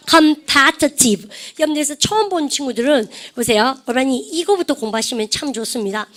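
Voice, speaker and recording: A chatty woman English teacher with a slightly high voice runs a vocabulary class. She keeps prompting the class to repeat English phrases and often breaks into laughs.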